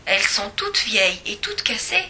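A woman's voice: on the high side, sing-song, moderate pace, heavily acted. Monsieur Taupe, a woman doing a kindly old mole man. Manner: chuckling, gentle and fatherly.

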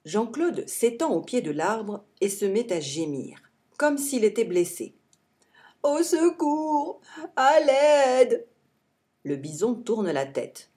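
Lady reading a kids story out loud, slow, sing-song, calm. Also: mid-range voice.

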